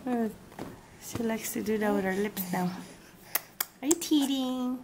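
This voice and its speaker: A young mother coos slowly in a high, sing-song voice, drawing her words out as she talks to her baby. Her voice sounds a little worn, as if it is still recovering. She is recorded close on a handheld camera indoors, with clear noise in the background of the home video. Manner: sing-song, cooing, laughing often. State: voice recovering from loss. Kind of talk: baby talk to an infant.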